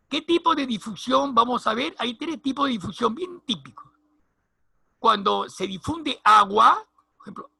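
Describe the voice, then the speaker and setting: Gravelly, bright-voiced male biology teacher. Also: sits high, no room sound, studio quality. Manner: repeats key terms, checks in with "¿ya?" and "¿no?". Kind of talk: recorded lecture.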